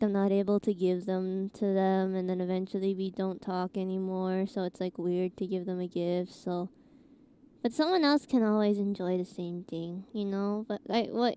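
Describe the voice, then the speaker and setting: A woman's voice: medium pitch, dark tone, smooth. A woman streamer chatting casually in a scratchy morning voice, rambling with lots of fillers and laughs. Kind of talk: casual chat.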